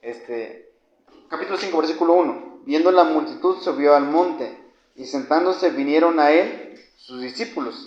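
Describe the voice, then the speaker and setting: A man preaching a conversational sermon, calling his listeners brothers and swinging from loud to quiet. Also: a little high. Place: church hall. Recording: echoey church, dull lo-fi sound.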